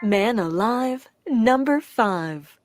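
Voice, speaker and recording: A female bingo caller reads out numbers with their rhyming nicknames. She takes her time, very slowly spacing each short call, and her pitch swings in a lively way. Loud music plays behind her. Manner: slow, deliberate announcing in short separated calls.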